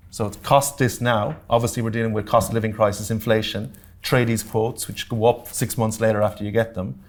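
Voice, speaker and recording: Irish man giving a grants workshop. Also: fairly low pitch. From Ireland. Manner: direct, joking asides, checks in with the audience. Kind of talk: workshop lecture to a live audience. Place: community centre meeting room.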